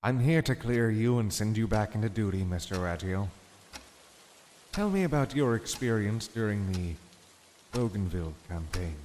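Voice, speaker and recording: An actor playing a stern older army doctor in an audio drama, questioning a soldier. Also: male voice, lowish voice, expressive, normal speed, darkish tone, close to an everyday voice. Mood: probing. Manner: stern, probing, then indignant. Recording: reverberant room with rain noise.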